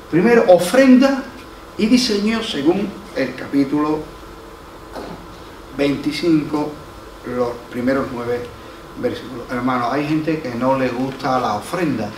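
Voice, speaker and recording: Pastor with an Andalusian accent preaching in a roomy hall. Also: male voice, on the high side, lively intonation, a little slow, pauses often. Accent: Andalusian Spanish. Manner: storytelling, acts out quoted voices, emphatic repetition. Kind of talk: sermon. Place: church hall. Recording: roomy, from far off, faint noise.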